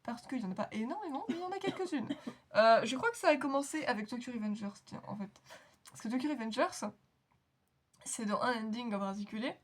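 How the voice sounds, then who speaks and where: Woman host, casual reaction chat, rambling and giggly, a bit high-pitched. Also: lively intonation, a little fast. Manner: chatty, rambling, giggly, self-mocking. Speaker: anime reaction channel host.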